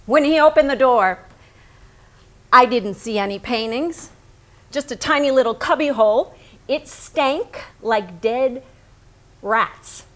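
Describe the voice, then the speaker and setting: In a theatrical staged reading, an actress plays a frank painter in her thirties who is smitten and recollecting. Her voice is on the high side, and her delivery is deliberate, intimate and dramatic.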